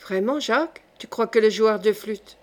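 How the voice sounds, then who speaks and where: A woman's voice: a little high, moderate pace, a little mellow, close to an everyday voice. A woman reading the part of an earnest young man in an audiobook, pressing with incredulous questions. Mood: questioning.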